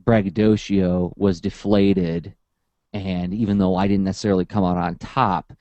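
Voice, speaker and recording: A man's voice: sits low, moderate pace, no echo, muffled recording. A man who teaches comics workshops, talking casually and at length, telling stories and acting out the people in them. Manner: animated and verbose, acts out quotes. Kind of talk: casual conversation, storytelling.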